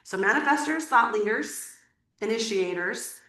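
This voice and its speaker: A woman's voice: on the high side, expressive, normal speed, bright, forceful tone. Chatty woman teaching, echoey room. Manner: chatty, laughs often, many fillers. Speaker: workshop teacher. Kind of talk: casual group teaching. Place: room with a small group.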